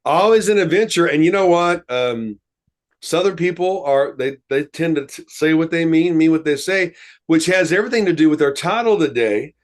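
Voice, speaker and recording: A man's voice: fairly high pitch, animated, normal speed. A man co-hosting a casual talk show, telling stories in a rambling, folksy way with many fillers. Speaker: co-host. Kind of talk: casual podcast chat.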